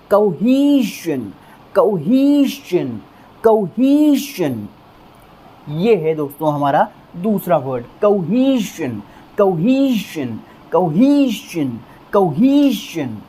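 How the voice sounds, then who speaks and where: A man teaching English vocabulary in Hindi, explaining patiently and drilling each word with slow repetitions. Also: high-pitched, warm tone.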